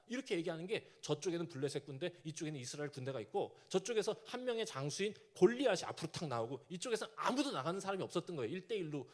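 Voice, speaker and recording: A male pastor preaching a sermon, telling the story vividly and acting out the characters' lines. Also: fairly high pitch.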